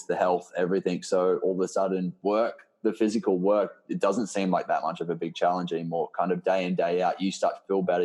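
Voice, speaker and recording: Hosting a relaxed group session over a live video call, this fitness coach has a low, darkish, slightly rough voice. His manner is informal, upbeat in encouragement and reassuring.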